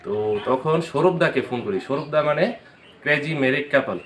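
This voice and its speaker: A man's voice: a little high, expressive, moderate pace, fairly bright tone, slight background noise. A man from Tripura in India, chatting casually in a vlog and telling stories about the people who helped him. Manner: chatty, storytelling, thanks supporters by name. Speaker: vlogger.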